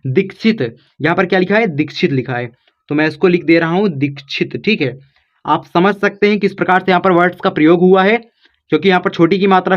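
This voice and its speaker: A man's voice: high-pitched, highs cut off. A man teaching a spoken tutorial lesson, explaining patiently and checking in after every step. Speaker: English teacher.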